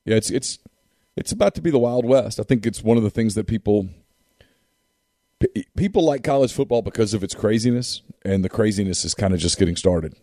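A man's voice: on the low side, expressive, fairly quick, dark tone, no echo, studio quality. A man, hosting a sports podcast with sponsor reads and casual talk.

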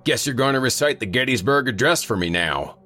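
A man doing a gruff, weary working man. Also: sits low, expressive, unhurried, fairly bright tone, faint music behind, full character voice. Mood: mocking. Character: gruff weary man, ex-Marine postal worker.

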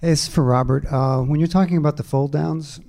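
A man's voice: a little high, steady tone, a little fast, gravelly, warm tone. A man in the audience asking probing follow-up questions about sound mixing.

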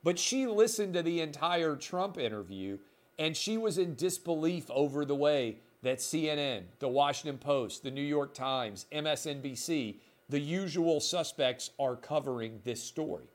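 A man's voice: a little high, lively intonation, normal speed. A middle-aged man hosting a solo opinion podcast, talking emphatically and indignantly, with sarcastic asides. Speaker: podcast host.

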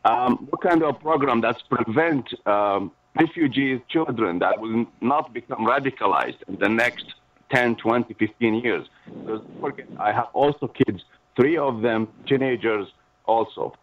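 A middle-aged man from Iraq, calling in to a radio show and searching haltingly for his words. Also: mid-range voice. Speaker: caller. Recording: distant tinny phone line.

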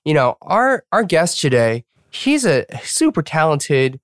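A young man co-hosting a podcast, chatting in an upbeat, playful, quick way. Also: on the high side, very animated, no echo, studio quality. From Atlanta, USA. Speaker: podcast co-host. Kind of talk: casual podcast chat.

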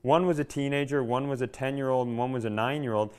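A podcast co-host chats casually and candidly, rambling along with joking, profane asides. His medium-pitched voice is steady, fast, clear, and resonant.

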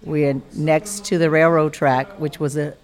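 Low-voiced woman. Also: flat delivery, moderate pace, soft background music. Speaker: restaurant owner. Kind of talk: interview.

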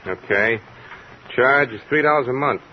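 Actor as brisk warehouse clerk, muffled radio. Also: male voice, medium pitch, natural voice. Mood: businesslike. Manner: informal, clipped, businesslike. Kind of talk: old radio drama acting. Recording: muffled old radio recording, faint hiss.

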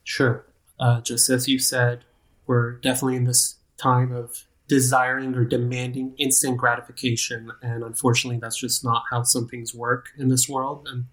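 A man's voice: medium pitch, flat delivery, moderate pace, a bit bright. A man in his thirties talks as a podcast guest, loose and conversational. He rambles and restarts often, poking fun at himself along the way. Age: 30s. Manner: rambling, self-deprecating, frequent restarts. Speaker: guest, nonprofit program manager. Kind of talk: casual interview chat.

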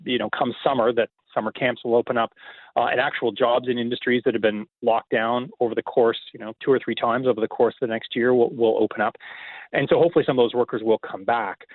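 A man, an economist guest, answering radio interview questions in a measured, explanatory way with many filler pauses. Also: medium pitch, fairly even intonation, no echo. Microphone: phone call. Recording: tinny phone line.

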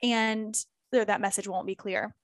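A woman's voice: mid-range voice, fairly even intonation, normal speed, dry recording, clean studio sound. A woman speaking candidly and emphatically as a guest in a casual interview, swearing freely as she makes her points. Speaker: former group fitness instructor.

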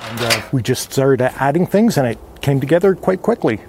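A man being interviewed outdoors on his driveway, talking in an upbeat, halting way with fillers. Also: mid-range voice, lively intonation, background noise. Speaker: homeowner interviewee. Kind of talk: casual interview.

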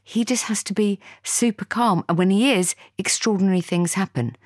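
A woman's voice: medium pitch, normal speed, a little mellow, dry recording, clean studio sound. A woman hosting a podcast in casual, playful, teasing chat. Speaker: podcast host.

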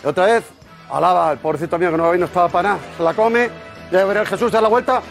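A man in a sports talk studio, retelling a match with theatrical shouts and sound effects. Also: high-pitched, very fast, vocal fry, faint music behind. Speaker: sports pundit.

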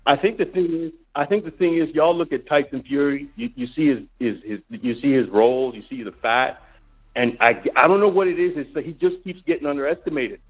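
A man's voice: on the high side, fairly quick. Man on a muffled phone line. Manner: blunt and insistent, repeating his point. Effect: heard over a phone line. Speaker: radio show caller. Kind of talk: call-in sports talk. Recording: muffled tinny phone line with faint music.

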